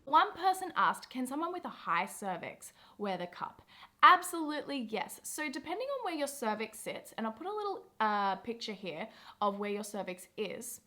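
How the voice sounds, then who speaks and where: A woman's voice: fairly high pitch, big pitch swings, normal speed, bright, forceful tone. A young woman hosting a casual review vlog, chatty and encouraging, with frequent "like" fillers. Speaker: women's health video host.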